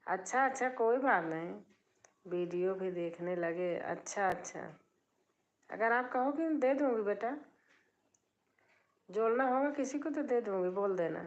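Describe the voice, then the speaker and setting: A woman's voice: mid-range voice, expressive, measured pace, pauses often, muffled recording. A middle-aged woman hosting a live stream from her drawing room, chatting casually with viewers and keeping her voice down. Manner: speaks softly, keeping her voice down. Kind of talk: casual live chat reading comments.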